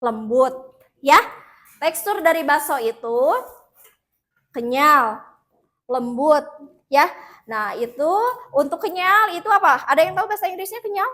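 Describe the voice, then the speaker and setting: A woman teaching an English lesson in a classroom, mixing two languages and leading slow repeat-after-me drills. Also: high-pitched, animated, pushed and bright.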